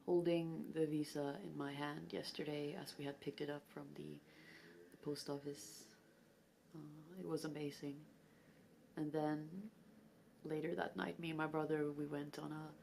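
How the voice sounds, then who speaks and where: A woman's voice: low voice, flat delivery, a little slow, vocal fry, warm tone, slight background noise. A young woman chatting casually to camera at home, rambling and giggly, with English not her first language. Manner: rambling, giggly, self-deprecating. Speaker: vlogger. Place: home, sitting at a low table.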